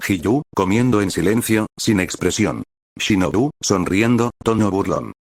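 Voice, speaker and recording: A man reading a fan-written story aloud as narrator, in a flat, even delivery that spells out sound effects. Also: fairly low pitch, measured pace, no room sound, clean studio sound.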